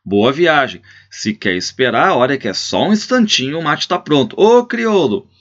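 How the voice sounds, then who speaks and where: A man voicing a talkative, hospitable old rancher who insists loudly, in a storybook reading. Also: fairly high pitch, sing-song, normal speed, husky, voice pushed up, full character voice. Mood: insistent, booming. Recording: slightly muffled lo-fi recording.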